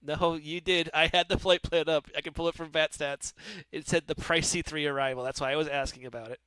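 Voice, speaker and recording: A man's voice: fairly high pitch, fairly even intonation, fairly quick, sharp tone, clear, resonant tone, poor audio. A man working as an air traffic controller on a stream, mixing procedural calls with informal, wry banter.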